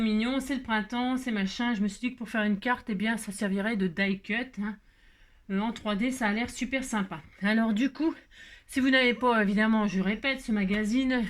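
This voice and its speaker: A woman's voice: a little high, fairly quick. Chatty French-speaking woman rambling. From France. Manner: rambling, self-interrupting, talks to viewers with many fillers. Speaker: craft video host. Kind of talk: casual chatty crafting vlog.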